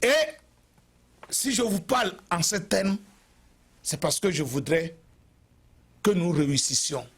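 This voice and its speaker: A man's voice: fairly high pitch, animated, takes it slowly, gravelly, pauses often, husky. A man from Togo, giving an impassioned TV address and repeating phrases for emphasis. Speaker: TV commentator.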